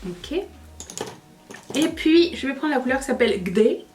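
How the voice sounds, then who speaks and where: A woman's voice: sits high, lively intonation, brisk, a little mellow, distant mic. Québécoise woman, makeup vlog chatter, wry asides, faint music bed. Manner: chatty, self-mocking, rambling asides. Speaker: beauty youtuber. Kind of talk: casual get-ready-with-me chat.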